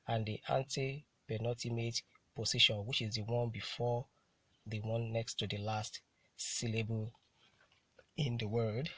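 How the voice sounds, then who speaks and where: A male teacher gives a lecture at an unhurried, measured pace. His voice is a little husky and sounds close and dry. He repeats key words and poses questions to his class before answering them. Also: medium pitch, fairly bright tone, no echo. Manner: deliberate, repeats key terms and asks rhetorical questions. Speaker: English teacher.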